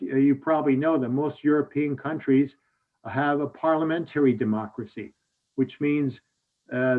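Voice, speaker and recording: A man from Hungary, a state representative, giving measured, formal testimony to a committee over a video call. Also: medium pitch. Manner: measured, formal, with small restarts. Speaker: state representative, bill sponsor. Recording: tinny phone-like audio.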